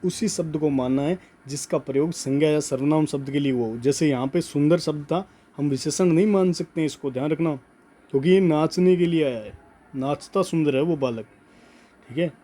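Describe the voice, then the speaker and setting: A man teaching a grammar class, slowly dictating notes and repeating key words, often checking in with "okay". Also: a little high, dark tone. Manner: slow emphatic dictation, repeats words, frequent "ठीक है".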